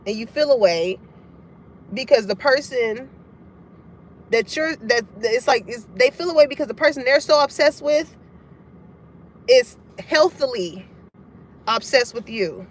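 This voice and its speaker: Her voice is on the high side, with lively intonation and an unhurried delivery full of long pauses, over slight background noise. As a tarot card reader, she gives her collective audience a casual, candid reading, cursing and laughing often.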